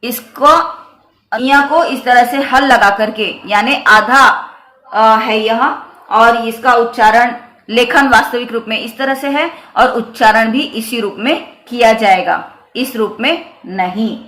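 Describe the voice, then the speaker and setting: A woman teaching a grammar lesson on the Hindi script, explaining slowly and carefully and repeating each example. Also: fairly high pitch, a bit bright, roomy sound.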